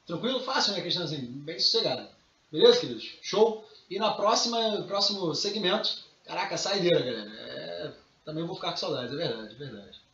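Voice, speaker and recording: A man's voice: sits high, expressive, a little fast, vocal fry, bright, forceful tone. A man with a Brazilian accent teaching a recorded math lesson, casual and chatty, calling his students dear. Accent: Brazilian Portuguese. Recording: distant, roomy, dull recording with faint noise.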